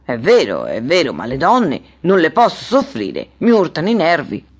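Brusque official, played by a woman narrator, high and loud when he snaps, audiobook storytelling. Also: wildly swooping pitch, moderate pace, husky, exaggerated voice. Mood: irritable. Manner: brusque, shouting orders. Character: irritable middle-aged male government official.

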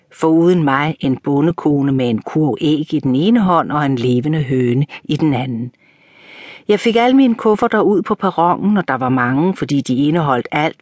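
A woman narrating a novel in the first person for an audiobook, measured and composed. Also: low voice, no room sound, clean studio sound.

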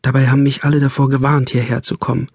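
A man's voice: mid-range voice, level tone, fast, a little mellow, husky, no room sound, clean studio sound. A man voicing a worried young mother. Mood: anxious. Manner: anxious inner thought.

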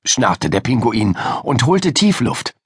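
A man narrating a children's audiobook with expressive, lively storytelling. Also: medium pitch, takes it slowly, very noisy.

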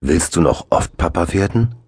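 A man's voice: low voice, lively intonation, normal speed, a little mellow, breathy edge, dry recording, full character voice. A man voicing a serious, wary seven-year-old boy in a storybook. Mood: earnest.

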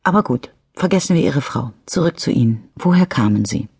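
A woman reading a calm, persistent female police detective who questions a witness firmly. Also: very deep voice, brisk, husky, no echo, studio quality, exaggerated voice. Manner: firm, probing questions. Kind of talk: audiobook character reading.

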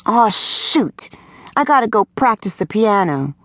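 A woman's voice: medium pitch, sing-song, a little slow, fairly bright tone, no echo, voice pushed up. A woman voicing a spunky young girl who talks with sass and attitude in an audiobook. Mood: eager. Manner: whiny, pleading, sassy attitude.

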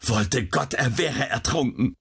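A man's voice: mid-range voice, animated, slow pace, gravelly, a bit bright, slightly rough, voice pushed up, exaggerated voice. A man voicing a worn-out mother of about forty who pleads with her son in fear, in a read-aloud storybook. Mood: desperate. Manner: pleading, frightened.

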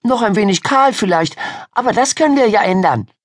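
A man voicing a chatty, excited schoolgirl who babbles without pause, in a storybook reading. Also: high voice, dry recording, clean studio sound, voice pushed up. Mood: excited chatter. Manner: babbling nonstop, gushing.

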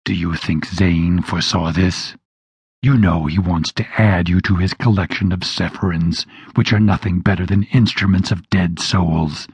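A man voicing a cruel, savage male demon who hisses and taunts slowly. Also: low-pitched, fairly even intonation, breathy edge, dry recording, voice pushed down, heavily acted. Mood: scornful. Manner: hissing, slow and taunting.

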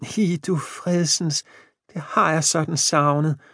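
A man's voice: fairly high pitch, darkish tone, no echo, clean studio sound, pitched above the performer's own voice. A man voicing an older, kindly wife, in a raised and pleading voice in an audiobook. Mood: eager. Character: kind fussing older wife Jane.

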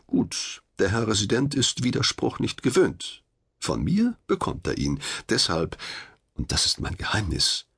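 Gravelly, lively male audiobook narrator. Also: mid-range voice. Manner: wry, expressive, confiding first-person telling. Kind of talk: first-person audiobook narration.

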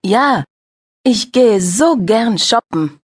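A lively young course student. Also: female voice, on the high side, heavily acted. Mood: friendly. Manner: slow, clear, lively intonation. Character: young female course participant, friendly, introducing herself. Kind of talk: scripted language-course dialogue.

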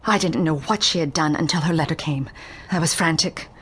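In a detective audio drama, an actress voices a timid, refined young woman who comes to the detective as a client. She speaks haltingly and pleadingly, her voice low and slightly rough, with an anxious mood throughout.

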